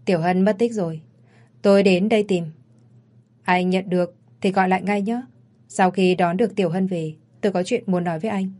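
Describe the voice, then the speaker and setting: A woman's voice: lowish voice, fairly even intonation, a little fast, a little mellow, lightly acted. A woman voicing a frightened young woman who pleads and cries out for help. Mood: worried. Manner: pleading, crying out.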